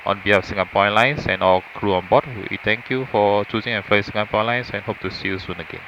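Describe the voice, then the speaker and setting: A man's voice: fairly low pitch, fast talker. A man, an airline first officer, making a formal, slightly hesitant announcement from the cockpit over the PA. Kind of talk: semi-scripted cockpit announcement. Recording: muffled cockpit PA, loud aircraft noise.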